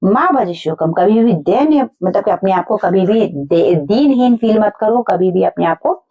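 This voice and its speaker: A woman teacher explaining a school lesson to children, going slowly and repeating each point in simple words. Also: medium pitch, lively intonation, warm tone, dull audio.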